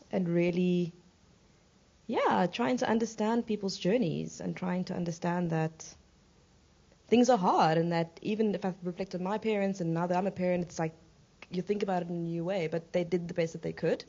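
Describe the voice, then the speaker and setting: Woman host steering a panel, even and measured, dull recording. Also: fairly low pitch, vocal fry, husky. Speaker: panel moderator. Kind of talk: moderating a workshop panel.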